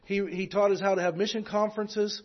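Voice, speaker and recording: A man's voice: sits high, little pitch movement, brisk, highs cut off. A man speaking as a missionary guest at a church, talking earnestly with frequent restarts, his voice climbing as he preaches. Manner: earnest, with rising preaching intensity; hesitant, with repeated restarts. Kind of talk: sermon.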